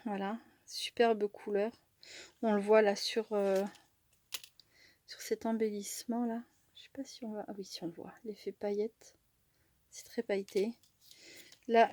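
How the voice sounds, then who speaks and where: Brief: a chatty woman crafter, a bit high-voiced, dry close sound, self-deprecating. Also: mellow, dry recording. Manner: chatty, self-deprecating, many fillers and restarts. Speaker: crafts vlogger. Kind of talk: casual crafting show-and-tell.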